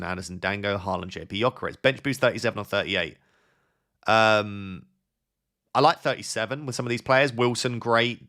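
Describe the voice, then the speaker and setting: A young man hosting a casual live stream, reading viewers' messages aloud and thinking out loud with quick, offhand advice. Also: mid-range voice. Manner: thinks aloud with fillers and restarts. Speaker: live-stream host answering chat.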